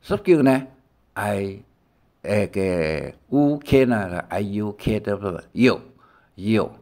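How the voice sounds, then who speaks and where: Slow, lively-pitched older male teacher. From Taiwan. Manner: slow, rambling explanations with many fillers and repetitions. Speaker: Hakka language teacher. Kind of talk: recorded language lesson.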